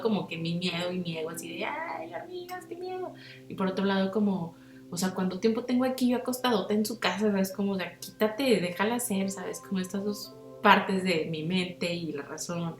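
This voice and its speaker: A woman's voice: lowish voice, roomy sound. A young Mexican woman hosting a podcast, telling a personal story in casual slangy chat and acting out what people said. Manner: animated, slangy, acts out quotes with big voice swings. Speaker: podcast host.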